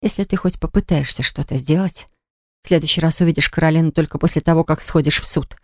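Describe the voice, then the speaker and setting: An audiobook reader takes on the role of a stubborn, indignant young mother, speaking at a quick pace in a voice close to her everyday one. The character is sharp and defiant, shrill when upset, and the studio recording is clean with no room sound.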